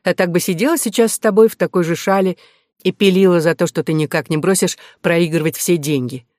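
A man's voice: high-pitched, fairly even intonation, fairly quick, a little mellow, dry recording, clean studio sound, close to an everyday voice. A man voicing a young noblewoman heroine in an audiobook, teasing and playful.

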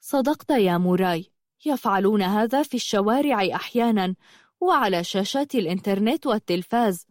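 An earnest, quick-tempered young woman, read by a female narrator from an audiobook. Her sharp, indignant outbursts come in a close, dry voice of middling pitch. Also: lively intonation, no echo, lightly acted. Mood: calm. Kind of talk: audiobook character reading.

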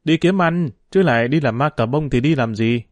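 A man's voice: mid-range voice, moderate pace, no room sound, natural voice. A man voicing a stubborn, tearful poor young boy who talks back defiantly in a raised voice.

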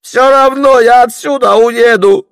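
A man voicing a panicky old male tobacco grower in an audiobook, high and strained, shouting. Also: a little slow, clean tone, dry recording, studio quality, exaggerated voice. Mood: frantic. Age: older.

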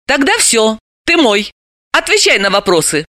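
A sharp young woman, as the narrator puts her on; high, bright and emphatic. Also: very animated, measured pace, dry recording, studio quality, heavily acted. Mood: bold. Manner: emphatic, indignant. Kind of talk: audiobook character voice.

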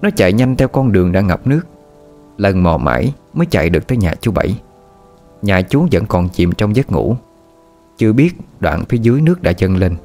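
A man narrating a ghost story in a steady, somber way. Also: fairly low pitch, brisk. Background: rain and soft music.

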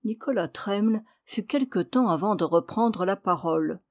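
A woman reading a classic adventure novel aloud as an audiobook, measured and clear. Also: medium pitch, expressive, darkish tone. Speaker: audiobook reader.

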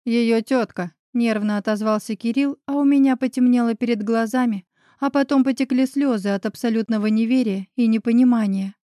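A woman reads a first-person romance novel aloud, with an expressive, dramatic delivery. Her voice sits somewhat high. The recording is close and dry, with almost no room. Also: fairly quick, dry recording. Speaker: audiobook narrator.

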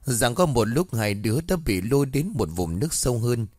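A man narrating a ghost story in a lively storytelling manner. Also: mid-range voice, normal speed, no room sound, studio quality.

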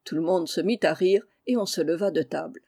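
Calm woman reading a story aloud. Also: lowish voice, brisk, breathy edge. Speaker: reader. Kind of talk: audiobook narration.

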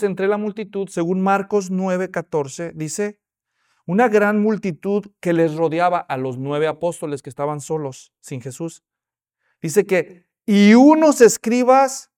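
A man preaching a sermon as a pastor, telling the story with animated, acted-out voices. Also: high-pitched.

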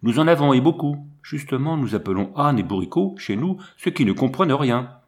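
A man reading a storybook and voicing a calm, practical soldier who speaks in a dry, matter-of-fact way. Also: medium pitch, a little fast, close to an everyday voice.

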